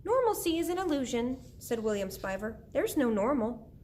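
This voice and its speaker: A woman's voice: a little high, sing-song, moderate pace, a little mellow, slight background noise, pitched above the performer's own voice. A woman reading the part of an earnest, know-it-all boy in a storybook, with lofty, lecturing delivery.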